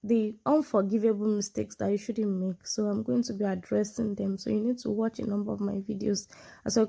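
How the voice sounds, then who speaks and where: This online English exam tutor from Nigeria has a sonorous voice that runs on the high side, creaky and mellow, with a Nigerian accent; English is her second language after a Nigerian mother tongue. Her informal lesson to camera leans on examples and constant check-ins such as "you know" and "yeah."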